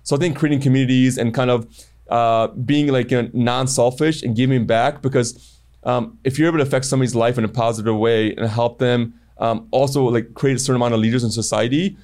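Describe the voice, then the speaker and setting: A man's voice: mid-range voice, steady tone, fairly quick, a little mellow. A man talking as a guest on a podcast, rambling with many fillers and restarts. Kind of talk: casual interview talk.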